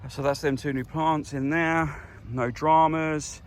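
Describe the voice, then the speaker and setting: Speaking slowly and at a fairly high pitch, a male vegetable grower talks casually through his farm vlog. He stays relaxed, explaining things while working outdoors.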